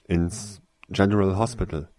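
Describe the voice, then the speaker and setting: A man voicing a calm, easygoing young wizard boy with a dry manner. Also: low voice, unhurried, dry recording. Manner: relaxed, dry.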